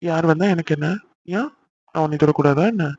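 Guy doing a playful teasing young husband, cartoon, rattles along fast, muffled audio. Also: on the high side, a little mellow, lightly acted. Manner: teasing, coaxing. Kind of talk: cartoon voice acting.

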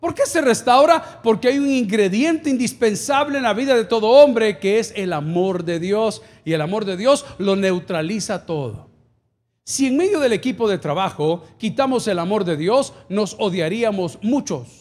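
A male pastor preaching a sermon from the stage of a large church, building to emphatic peaks and firing off quick lists. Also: sits high, expressive, a little mellow. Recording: long hall reverb.

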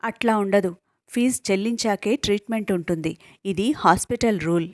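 A brisk hospital nurse who explains fees in a firm, matter-of-fact way, read by a woman narrator. Her voice sits at an ordinary pitch and sounds dry and close. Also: no echo, close to an everyday voice.

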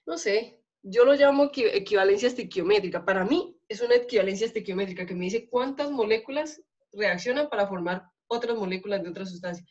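A woman's voice: mid-range voice, a little fast, a little mellow, highs cut off. A woman teacher with a Colombian accent, lecturing a chemistry class and checking in often with questions to her students. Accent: Colombian Spanish.

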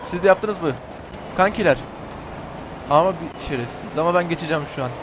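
Excitable young Turkish gamer shouting at rivals. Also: male voice, fairly high pitch, a little fast, noisy background. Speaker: gaming YouTuber. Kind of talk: let's play commentary.

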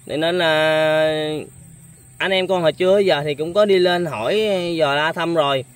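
A man's voice: on the high side, unhurried. A young man hosting a casual interview, speaking politely with many hesitant fillers. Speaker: vlogger host.

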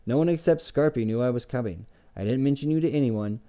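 A man's voice: mid-range voice, quick pace, dark tone, clear, resonant tone, lightly acted. A man reading aloud and voicing an earnest, persistent young scholar.

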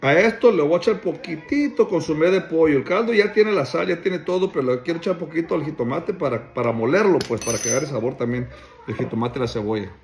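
Gravelly-voiced man vlogging casually. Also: fairly high pitch, fast talker, slight background noise. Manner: playful, talks tenderly to his baby. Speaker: family vlogger. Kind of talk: casual vlog and cooking narration.

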